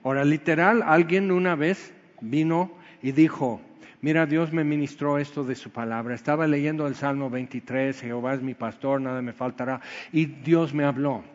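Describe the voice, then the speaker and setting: A man preaching a Sunday sermon in an animated way, swinging between loud exclamations and quiet low asides. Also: normal speed. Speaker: pastor. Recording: dull sound with long hall reverb.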